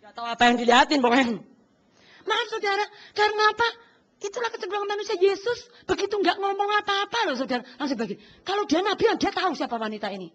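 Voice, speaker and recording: A woman pastor preaches with lots of energy, calling out to her congregation. Her voice sits high and rings bright. She acts out little voices to make her point. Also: fast talker. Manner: animated, addresses congregation often, acts out voices. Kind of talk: sermon.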